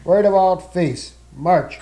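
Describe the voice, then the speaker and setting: A man plays a stern old rat leader in a storybook, growling commands loudly. The voice is pitched up a little, with a mellow tone. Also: moderate pace, close to an everyday voice. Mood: commanding.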